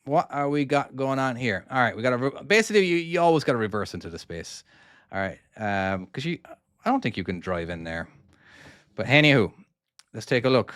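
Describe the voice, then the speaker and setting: Live on stream, a man from Cork in Ireland casually plays a trucking game, speaking in an Irish accent as he narrates his maneuvers and handles chat questions. His medium-pitched voice is animated, brisk and a bit bright. The studio sound is clean, with no room sound.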